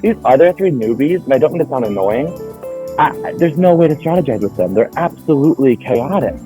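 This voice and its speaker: A man's voice: mid-range voice, expressive, brisk, music in the background, poor audio. A man speaking in a game confessional, frank and exasperated about his chaotic team. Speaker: contestant.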